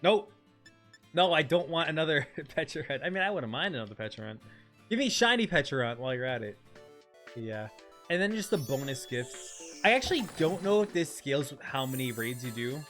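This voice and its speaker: A man livestreaming a game in casual, slangy, excitable chat, often exclaiming and repeating his phrases. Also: medium pitch, moderate pace, pauses often, soft background music. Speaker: game streamer.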